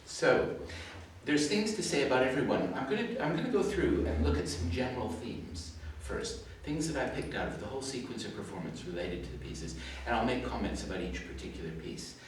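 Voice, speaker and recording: An older Englishman with a Suffolk accent carrying Canadian traces from his early years in Canada gives spoken feedback to performers as a competition adjudicator in a school music hall. His mid-range voice has lively intonation and a fairly quick pace, and he's chatty and digressive with self-deprecating asides. The distant mic catches a very echoey hall plus a little hiss or hum.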